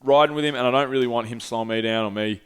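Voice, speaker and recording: Young Aussie guy, mid-pitched smooth voice, easygoing storyteller who rambles and swears. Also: rapid-fire. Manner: rambling, laid-back, swears freely, lots of fillers. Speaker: podcast guest telling travel stories. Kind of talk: casual storytelling.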